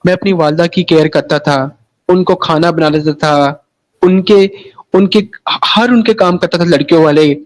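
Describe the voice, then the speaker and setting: A man's voice: a little high, measured pace, rough recording. A man from Pakistan, telling his personal story in an interview in a rambling way, often repeating the same tag phrases. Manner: rambling, keeps repeating "sahi hai na" and restarting phrases. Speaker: interview guest.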